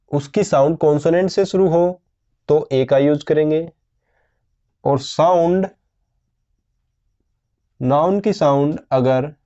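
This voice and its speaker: A man teaching a grammar lesson, explaining slowly and patiently and asking his students questions as he goes. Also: a little high, dark tone, dull audio.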